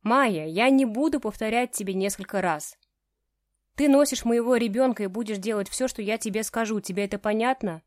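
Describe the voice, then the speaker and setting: A woman's voice: fairly high pitch, expressive, normal speed, no room sound, natural voice. A woman reads a stern, commanding young man in an audiobook romance. He speaks curtly, as if to his subordinates, and the voice sits dry and close. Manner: curt commanding tone.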